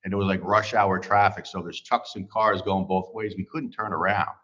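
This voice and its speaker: Middle-aged male host, deep voice, easygoing filler-heavy livestream talk, slightly muffled sound. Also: fairly even intonation, moderate pace, sharp tone. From United States. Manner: rambling, many fillers and restarts. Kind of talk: casual livestream chat, reading viewer comments. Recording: slightly dull livestream audio.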